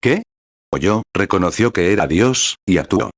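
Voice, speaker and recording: A man reads a sermon in a very low, deep voice. He keeps a steady, measured pace and calls out verse numbers as he retells the stories. The recording is dry and close, with no room sound. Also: slightly rough, no echo. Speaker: sermon reader.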